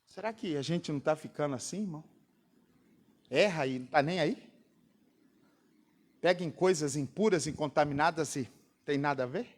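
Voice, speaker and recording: A Brazilian pastor preaching a sermon to a congregation, throwing out rhetorical questions for the crowd to answer. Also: male voice, a little high, moderate pace, pauses often. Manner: rhetorical call-and-response questions. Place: church congregation.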